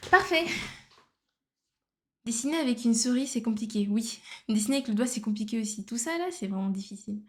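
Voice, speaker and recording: Woman, art streamer, casual chat while drawing, mixes in English phrases, fairly high voice, mutters to herself. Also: brisk, mellow. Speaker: art livestreamer.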